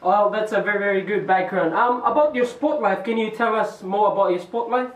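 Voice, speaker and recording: High-voiced teen boy hosting, echoey. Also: a little fast. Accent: New Zealand. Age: teens. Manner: formal, stock interviewer phrases. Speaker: student host of a school boarding-house show. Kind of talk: amateur interview show. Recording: echoey room, mic far off.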